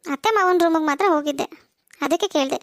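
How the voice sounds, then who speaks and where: A woman's voice: sits high, fast talker, dry recording, clean studio sound. A woman voicing a polite, shy young woman visiting her relatives in a cartoon. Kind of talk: cartoon voice acting.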